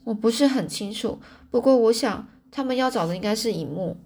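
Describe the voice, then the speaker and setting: A woman's voice: a little high, animated, a little fast, a little mellow. A woman playing a frightened teenage girl. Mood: puzzled. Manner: earnest, upset.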